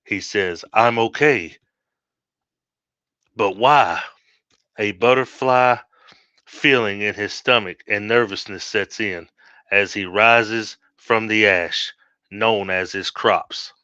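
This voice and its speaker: A man's voice: lowish voice, steady tone, slow pace, pushed and bright, no room sound. A man reading his own horror story aloud steadily, with small slips, on a dull lo-fi recording.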